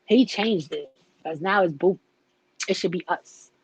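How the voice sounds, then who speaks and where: A woman's voice: fairly low pitch, unhurried, husky, poor audio. Chatty woman in a casual vlog. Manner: chatty, animated storytelling with lots of "like".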